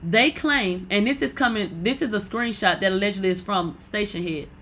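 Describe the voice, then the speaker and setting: Smug, sarcastic woman with a bright, forceful voice. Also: medium pitch, normal speed. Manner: blunt, profane slang, repeats lines for emphasis. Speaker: host and cultural commentator. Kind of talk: unscripted exposé commentary on platform drama.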